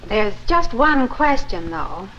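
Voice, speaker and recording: A woman's voice: medium pitch, big pitch swings, slow pace, a bit bright, heavily acted. An actress playing a polite, conscientious churchwoman in a 1950s promotional film, speaking in an earnest, proper way. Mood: polite, curious. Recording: muffled, noisy 1950s film soundtrack.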